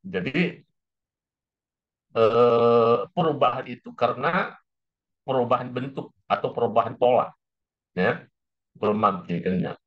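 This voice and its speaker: A man's voice: mid-range voice, a little slow, pauses often. Man giving a repetitive lecture. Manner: explains step by step, often repeats key phrases. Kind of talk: classroom lecture. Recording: slightly dull lo-fi recording.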